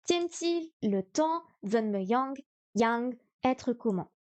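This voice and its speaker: Woman streamer, mellow and dry-sounding, talks through a lesson hesitantly, full of fillers. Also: on the high side, animated, slow, no room sound. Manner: thinks aloud, hesitant, many fillers. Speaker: streamer learning Chinese. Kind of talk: live-streamed study session.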